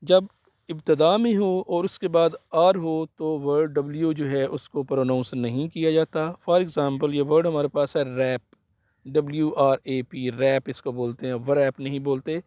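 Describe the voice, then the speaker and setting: A man's voice: fairly high pitch, steady tone, moderate pace, mellow, dry recording. A man teaching English pronunciation rules, spelling out the letters one at a time in a methodical way.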